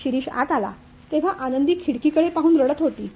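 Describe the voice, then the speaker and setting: A woman narrating a family audiobook story in a steady storytelling manner. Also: sits high, brisk.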